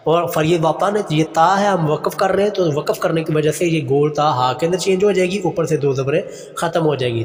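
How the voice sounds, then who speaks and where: A male Quran teacher with a fairly high voice leads a lesson. He stretches verses into slow chanted lines, then breaks them down in brisk, matter-of-fact explanation. His voice rings in a long hall reverb over faint music. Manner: slow chanted recitation alternating with quick explanations. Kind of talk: recitation lesson.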